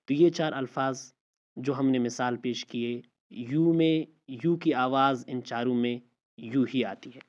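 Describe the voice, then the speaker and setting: A man's voice: mid-range voice, darkish tone. Male teacher, patient, drills example words, muffled lo-fi recording. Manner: slow, repeats example words one by one. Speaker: English teacher. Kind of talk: spoken language lesson. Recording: slightly dull lo-fi audio.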